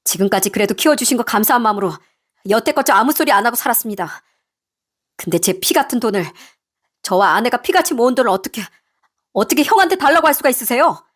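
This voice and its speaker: A woman's voice: on the high side, animated, fast talker, fairly bright tone. A woman voicing a grown son who coldly and wearily tells off his mother in a storybook tale. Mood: bitter. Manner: cold, firm, weary. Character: fed-up adult son, cold and firm. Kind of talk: storybook narration with acted voices.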